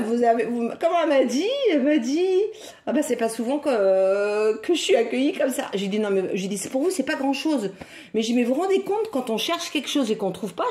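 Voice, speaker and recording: A woman's voice: medium pitch, darkish tone. A woman from France, a craft vlogger, chatting casually to camera and telling a shop story, acting out the dialogue as she goes.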